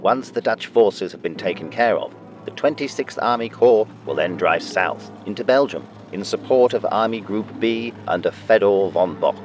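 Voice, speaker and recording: A man's voice: fairly low pitch, animated, normal speed, a little hiss or hum. A man reading scripted wartime newsreel narration in a dramatic, declarative way. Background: music under the narration.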